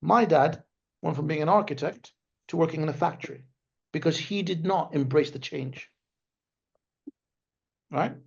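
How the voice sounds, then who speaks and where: His fairly high voice is creaky and darkish with a breathy edge, moving at normal speed but broken by long pauses, and the audio is dull. He's a Denmark-raised tech executive guesting on a webinar via remote video call and its microphone, conversational, with frequent restarts and "right?" tags.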